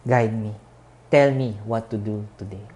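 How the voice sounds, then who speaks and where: Woman, Filipino accent, preacher, pulpit microphone, church, very deep voice, earnest, repetitive emphasis. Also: steady tone, unhurried, warm tone. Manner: earnest, repeats phrases for emphasis. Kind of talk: sermon and closing prayer.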